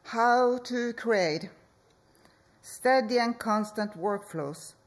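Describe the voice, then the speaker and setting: Measured, slow-paced woman presenting. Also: on the high side. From Norway. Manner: measured, deliberate, with pauses between phrases. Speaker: architect, conference speaker. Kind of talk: conference presentation. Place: conference hall.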